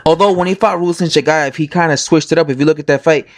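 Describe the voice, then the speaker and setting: A man talks casually with a hoarse, slightly sick voice, rambling through his opinions as a boxing vlogger. His voice runs on the high side and his pace is quick, and he keeps stopping to correct himself and filling gaps with "uh" and "like".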